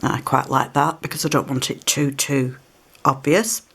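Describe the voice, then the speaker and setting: A craft tutorial presenter with a slight cold chats her way through a step-by-step demonstration at her table, relaxed and explaining as she works, with an occasional cough. Her bass voice is husky with vocal fry, and she speaks at a normal speed. An overhead camera captures her hands.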